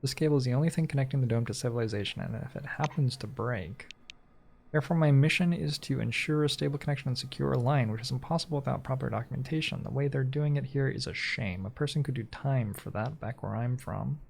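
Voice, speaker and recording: A man reads out a meticulous male engineer in a video game. The voice is gravelly and mid-range, formal and given to complaint, over faint ambience. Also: mid-range voice, fast talker, darkish tone, a little hiss or hum, natural voice. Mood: earnest, complaining. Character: fussy, earnest male Soviet-minded communications engineer. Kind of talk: reading game dialogue aloud.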